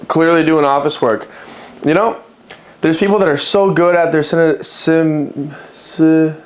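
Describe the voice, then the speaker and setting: A man talking casually to camera as a fitness vlogger at home, rambling with fillers and self-corrections. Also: a little high. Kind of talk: casual vlog chat.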